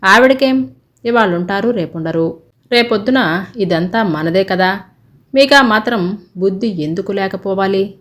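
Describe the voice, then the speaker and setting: A woman voicing an arrogant, sharp-tongued young woman who speaks scornfully, in a narrated story. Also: medium pitch, lively intonation, unhurried, pauses often, natural voice. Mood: defiant. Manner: scornful, cutting.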